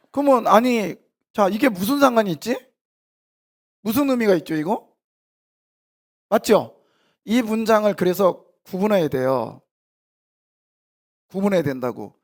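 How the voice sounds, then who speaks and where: A man's voice: high voice, creaky. A man preaching a sermon in a church, talking casually with the congregation and firing questions at them while he acts out a scene. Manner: animated, questions the congregation directly; casual, half-informal banter with congregants. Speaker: pastor. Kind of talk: conversational sermon with live demonstration. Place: church sanctuary.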